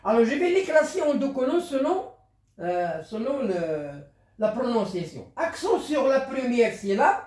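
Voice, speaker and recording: Slow, patient teacher. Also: mid-range voice, very animated, a little mellow. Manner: slow, repetitive, patient explaining. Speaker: primary school teacher. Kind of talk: explaining a French spelling lesson. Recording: roomy, distant from the mic.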